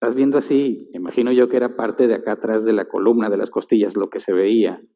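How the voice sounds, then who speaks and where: Speaking fast with a steady tone and a fairly low pitch, this pastor narrates a sermon story and performs the voices and sound effects himself. The audio is thin and tinny, with the reverb of a church hall.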